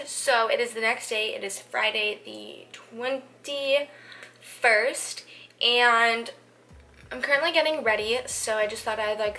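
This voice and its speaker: A woman's voice: fairly high pitch, bright, forceful tone. A young woman in her twenties, chatting casually to camera in a lifestyle vlog, bubbly and full of "like" fillers. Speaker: beauty and lifestyle vlogger.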